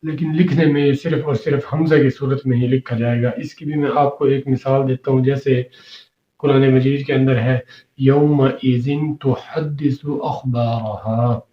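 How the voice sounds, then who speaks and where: Man, Quran reading teacher, patient, repeats letters slowly, roomy echo, dull lo-fi sound. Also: medium pitch, flat delivery, mellow. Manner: patient, repeats letters slowly, recites verses in drawn-out chant. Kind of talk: explanatory lesson. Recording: echoey, dull lo-fi room sound.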